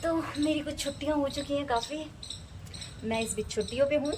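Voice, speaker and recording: A woman's voice: sits high, fairly quick, noisy background. A woman vlogging casually from a rooftop, chatting and repeating herself, recorded on a phone with no microphone. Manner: chatty, repeats phrases, frequent tag questions. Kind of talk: casual vlog chat. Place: rooftop outdoors, wind and rain. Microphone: phone camera, no external mic.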